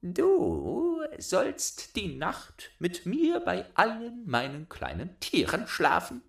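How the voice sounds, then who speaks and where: A man voicing a bold, bossy little robber girl in a storybook reading, speaking high, loud and commanding. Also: wildly swooping pitch, slow pace, vocal fry, exaggerated voice.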